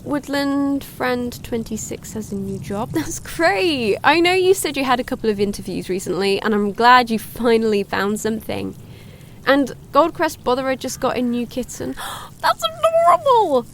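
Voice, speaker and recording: An actress playing a cheerful young woman hosting a woodland wildlife livestream, chatty and excitable. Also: on the high side, normal speed, vocal fry, a little hiss or hum. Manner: chatty, excitable, gasps at sightings. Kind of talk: audio drama, chatty live-stream narration.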